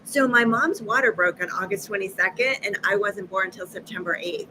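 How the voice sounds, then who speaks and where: A woman in her fifties from Massachusetts, a guest on a live video chat, telling stories with lively acted-out dialogue and frequent laughter. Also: medium pitch, brisk, background noise. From Massachusetts, USA. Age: 50s. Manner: lively, acts out quoted dialogue, laughs often. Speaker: guest, energy healer. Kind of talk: animated storytelling in a live chat.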